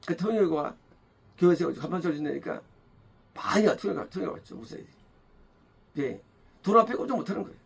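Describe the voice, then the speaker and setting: A man's voice: high voice, lively intonation, fast talker, creaky, long pauses, slightly rough. A man preaching a sermon as pastor, pressing his points by repeating phrases and asking rhetorical questions. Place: church.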